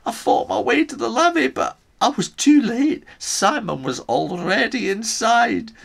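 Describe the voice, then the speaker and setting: A crafty, chatty Scottish islander spins his yarn in a put-on Scottish accent, as a man puts him on. His storybook voice swoops high and low with plenty of sly relish. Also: a little slow, creaky, heavily acted. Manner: lively, sly first-person storytelling. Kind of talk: storytime reading in character.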